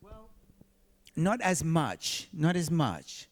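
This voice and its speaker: A man's voice: on the high side, very animated, very slow, gravelly. A man from Tanzania, a recording artist on a panel, telling his story earnestly and repeating phrases for emphasis. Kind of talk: panel discussion, personal storytelling.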